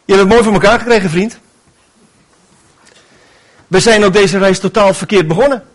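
A man's voice: high-pitched, moderate pace, pitched above the performer's own voice. A preacher acting out a sarcastic male apostle blaming his companion while jailed. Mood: reproachful. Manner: sarcastic, reproachful.

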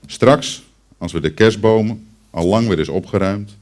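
A man's voice: on the low side, unhurried, darkish tone. A man preaching a Christmas sermon, speaking directly to the children and the congregation and telling them a story. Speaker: pastor.

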